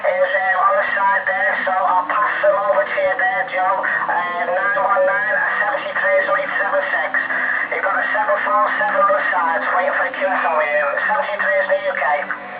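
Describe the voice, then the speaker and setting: A man's voice: sits high, steady tone, brisk, roomy sound, narrow, tinny audio, over loud music. A man heard over CB radio, reading out call signs and radio codes as he passes stations along. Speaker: CB radio operator. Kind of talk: CB radio call-sign chatter. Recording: crackly CB radio transmission, distant and noisy.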